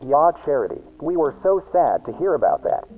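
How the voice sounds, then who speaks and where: A man's voice: a little high, big pitch swings, fairly quick, voice pushed up. A man putting on a mock German accent to voice a cheerful, hammy German show host with a bouncy, sing-song delivery. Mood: cheery. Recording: tinny lo-fi tape with music.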